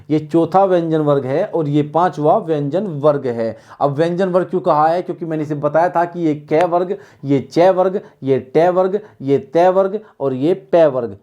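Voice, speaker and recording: Male teacher, slightly high voice, drilling students with repeated questions. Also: moderate pace, hardly any pauses, mellow. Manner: repetitive, questioning, drills students on sounds aloud. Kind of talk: online exam-prep lesson.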